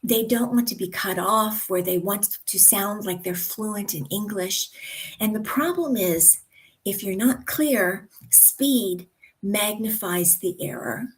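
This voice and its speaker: An American woman coaching pronunciation, speaking deliberately and drawing out example words with careful articulation. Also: medium pitch, poor audio. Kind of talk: instructional talk to camera.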